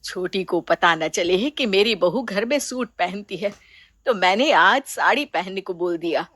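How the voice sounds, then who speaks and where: A woman's voice: mid-range voice, animated, measured pace, a bit bright, no echo, studio quality. A woman voicing a kind, open-minded middle-aged mother-in-law in a storybook, patient and motherly. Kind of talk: storybook voice acting.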